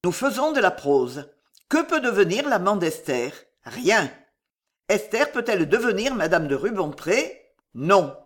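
In an audiobook of a classic novel, a narrator plays a menacing, commanding false priest with measured, domineering delivery. The voice is medium in pitch, very animated, and a bit bright.

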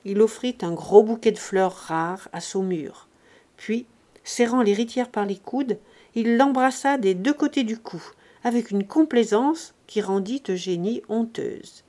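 A woman reading a classic novel aloud as an audiobook, in a steady, measured way. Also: on the high side. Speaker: audiobook reader. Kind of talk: scripted narration of a classic novel.

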